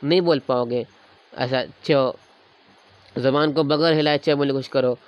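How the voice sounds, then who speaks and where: A man's voice: medium pitch, fairly even intonation, moderate pace, clear, resonant tone. A man teaching a grammar lesson, patiently repeating each sound aloud to demonstrate it. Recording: dull lo-fi recording.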